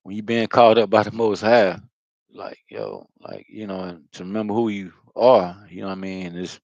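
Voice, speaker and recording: A man's voice: fairly low pitch, lively intonation, normal speed, gravelly, a little mellow, dry recording, muffled recording. A man giving a loose, profane spiritual monologue, talking casually with lots of fillers. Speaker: spiritual vlogger.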